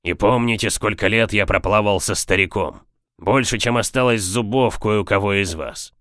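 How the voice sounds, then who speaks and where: A man's voice: fairly low pitch, moderate pace, a bit bright, no room sound, clean studio sound, natural voice. A man voicing a veteran male pirate gunner who declaims to a crowd in a raised, rallying way. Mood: assured.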